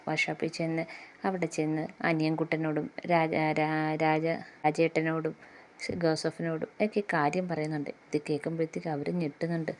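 A woman casually retelling a TV serial episode, quoting the characters' lines and often restarting words. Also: sits low. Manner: retells dialogue in quotes, frequent restarts and stumbles. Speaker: serial recap narrator.

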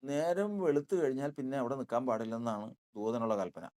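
A man's voice: medium pitch, lively intonation, fairly quick, a little mellow. A man with a Malayali accent preaching a sermon, emphatic and repeating his key phrases.

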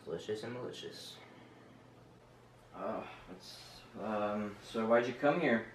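A man's voice: fairly low pitch, slow pace, noisy background. A man playing a mopey young guy mourning a friend, bantering and joking indoors. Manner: joking, giggly, rambling banter. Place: indoor room. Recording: echoey room, camera far off.

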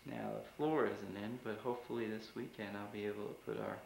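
A man's voice: lowish voice, steady tone, fast talker, vocal fry. A man in his thirties giving a chatty, proud running commentary as he films his home renovation on a camcorder. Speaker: father filming home video. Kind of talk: home video narration. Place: house under renovation, indoors. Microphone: camcorder mic. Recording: roomy camcorder tape with hiss.

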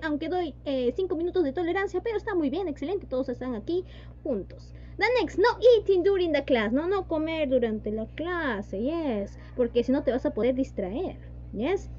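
A high-voiced woman with a dark tone teaches English online over a video call, mixing Spanish and English and repeating "yes" and "¿no?". The call audio is dull and lo-fi, with a faint hum.

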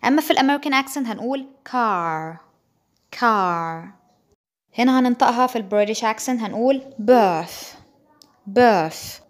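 A young woman with an Egyptian Arabic accent giving a pronunciation lesson, explaining slowly and repeating example words aloud. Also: a little high. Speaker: English teacher.

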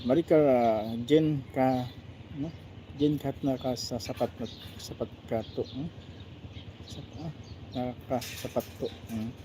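A man's voice: mid-range voice, warm tone, a little hiss or hum. Filipino man reading out live chat. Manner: reads viewer names and comments aloud with fillers. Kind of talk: casual live-stream chat.

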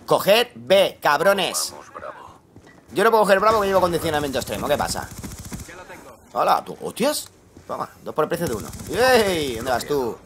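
A young man with a Spain Spanish accent and a slightly hoarse voice, giving excitable live commentary over his gameplay and swearing at teammates. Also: a little high, moderate pace. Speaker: gamer streaming live gameplay. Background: faint gunfire from the game.

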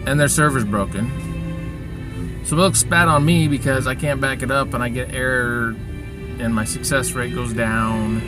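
A man's voice: medium pitch, normal speed, music in the background. A middle-aged man rambling through a downbeat, self-pitying personal rant, recorded inside a vehicle. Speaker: vlogger.

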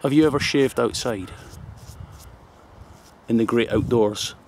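A man's voice: medium pitch, measured pace, darkish tone, slight background noise. A Scottish man in his fifties chatting casually to a camera held close while shaving outdoors in a forest, joking and laughing often. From Scotland. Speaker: shaving vlogger. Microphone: camera close up at arm's length.

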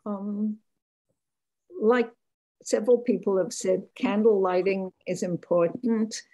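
A woman's voice: medium pitch, mellow. A woman taking part in an online class, sharing her thoughts hesitantly and searching for words. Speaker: class participant.

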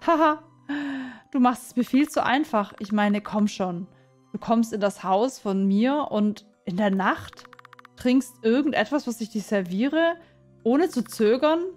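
A woman voicing a creepy young man who holds a classmate captive, low and gloating with mock gentleness. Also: animated, unhurried, soft background music. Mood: taunting. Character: sweet-talking creepy young male kidnapper.

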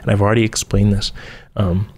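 A man's voice: on the low side, little pitch movement, a little fast, a little mellow, breathy edge. A young man hosting a podcast, talking through ideas in a casual solo monologue with frequent ums and restarts. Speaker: podcast host.

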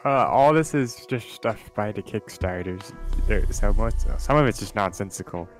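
A man with a lowish voice chats casually about a game, mumbling because he is eating as he talks. Faint game music plays underneath. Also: animated, moderate pace, rough recording. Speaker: co-host and guide. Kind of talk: casual chat.

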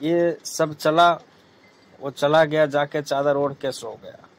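A man narrating a moral folk story in a plain, unhurried way. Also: on the high side, fairly even intonation.

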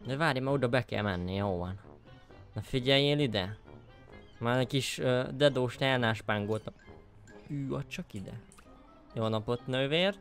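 A man's voice: mid-range voice, faint music behind. A young man hosting a gaming video, chatting playfully and trash-talking the characters on screen. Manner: excitable, trash-talking, shouts at game characters. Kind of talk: playful gameplay commentary.

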